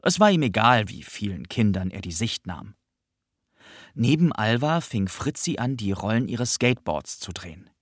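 A man narrating a children's book in a steady, clear storytelling manner. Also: fairly low pitch, moderate pace, dry recording, clean studio sound. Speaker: audiobook narrator.

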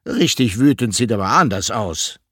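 A man's voice: fairly low pitch, animated, normal speed, fairly bright tone, slightly rough, no room sound, studio quality. A man voicing a provoking female fire toad in a storybook, in a cool, judging, matter-of-fact tone. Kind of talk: storybook reading.

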